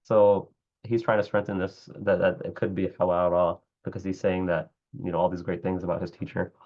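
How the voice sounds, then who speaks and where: A man with a fairly low voice reads a classical text to his class. He pauses often to explain in English and fixes his own stumbles. The recording sounds slightly dull and lo-fi. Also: little pitch movement. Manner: reads Arabic and comments in English, correcting his own slips. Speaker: teacher reading a classical Arabic text. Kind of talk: reading aloud and explaining in a class.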